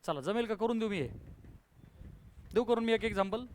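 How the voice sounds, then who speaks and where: A man teaching a maths class, his voice high-pitched, smooth and resonant. He keeps firing questions at the students and coaxes quick answers from them. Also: darkish tone. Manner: brisk, coaxing, quizzes students, calls them 'beta'. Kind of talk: classroom lecture with student call-and-response.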